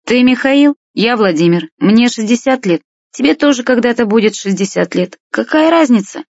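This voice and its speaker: A reader voicing a tearful sixty-year-old village man who talks slowly and sighs with grief, in a husky voice. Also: medium pitch, lively intonation, a little mellow, no echo, pitched above the performer's own voice. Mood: coaxing. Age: 60s. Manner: slow, sighing, heavy with grief. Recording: dull lo-fi dry recording.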